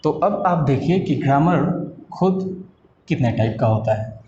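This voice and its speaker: A man teaches a lesson in a patient, explanatory way, pausing on rhetorical questions and drawing out key terms. His voice sits a little high yet sounds mellow and warm. The recording is dull and lo-fi, with a roomy echo. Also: lively intonation, slight background noise. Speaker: English teacher. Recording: echoey room, dull lo-fi sound.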